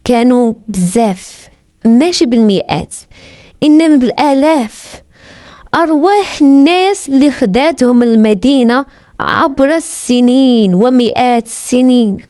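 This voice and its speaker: A woman's voice: a little high, animated, moderate pace, warm tone, no room sound, clean studio sound. A woman with a Moroccan accent narrating a story in a dramatic, suspenseful way. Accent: Moroccan Arabic.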